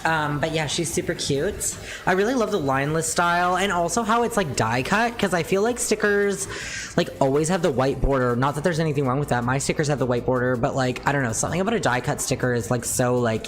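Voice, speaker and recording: Rambling, animated young woman streamer. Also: brisk, a little hiss or hum. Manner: rambling, filler-heavy, swears casually; animated, wide pitch swings. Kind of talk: casual livestream chat.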